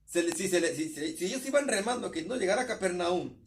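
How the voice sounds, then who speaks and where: A man's voice: high-pitched, expressive, far from the mic. A man with a northern Mexican accent preaching a sermon, often stumbling and repeating words as he goes. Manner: halting, many repeated words and restarts.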